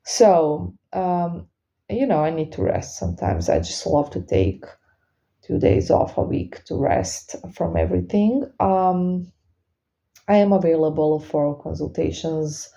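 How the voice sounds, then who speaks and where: Low, slow-talking woman lisping from a retainer. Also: vocal fry, warm tone, highs cut off. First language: not English. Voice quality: slight lisp from wearing retainers. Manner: halting, searching for words. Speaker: spiritual reader and spellworker hosting a Q and A. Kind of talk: unscripted casual monologue to followers.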